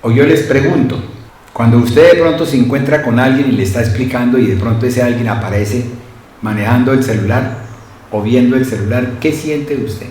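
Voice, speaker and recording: A man's voice: mid-range voice, normal speed, darkish tone. Man preaching in a very echoey hall. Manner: conversational, asks the congregation frequent questions. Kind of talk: sermon. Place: church hall. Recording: very echoey church hall, faint noise.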